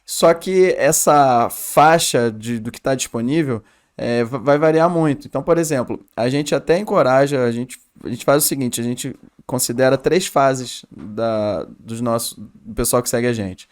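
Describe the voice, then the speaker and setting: Mid-pitched Rio man explaining things casually. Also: normal speed. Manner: colloquial, explains step by step. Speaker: podcast co-host. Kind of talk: casual explanatory podcast talk.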